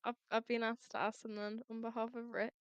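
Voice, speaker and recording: A woman from the audience asking a question in a direct, slightly halting way. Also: on the high side, little pitch movement, clear, resonant tone, no echo. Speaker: audience member. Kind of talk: casual questioning.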